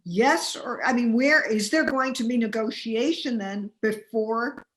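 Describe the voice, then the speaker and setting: Female journalist on a live panel, higher voice, probing, stop-start phrasing. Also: a bit bright, poor audio. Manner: halting, restarting questions, interjecting. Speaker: interviewer, journalist. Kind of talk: live panel interview, questioning.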